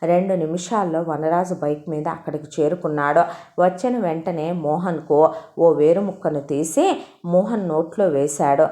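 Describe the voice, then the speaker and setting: A woman reading a story aloud in steady, expressive narration. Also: sits low, moderate pace.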